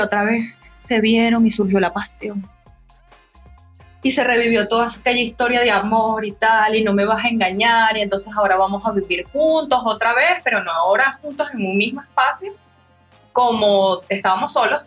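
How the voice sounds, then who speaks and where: A woman hosting a podcast in a studio, telling a story in an animated way and acting out the people in it. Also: mid-range voice. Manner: animated storyteller, acts out quoted voices. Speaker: podcast host.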